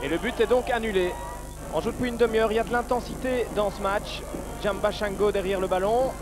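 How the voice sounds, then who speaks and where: A man giving excited football commentary as a match commentator, his voice surging with the play. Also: high-pitched, a little fast, over music. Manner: voice surges on chances and goals.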